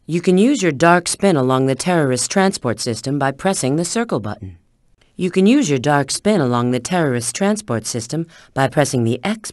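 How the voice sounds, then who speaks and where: A woman's voice: extremely low pitch, no echo, clean studio sound. An actress playing a sly, confident female bat spy who coyly gives hints in a video game. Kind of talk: video game character hint lines.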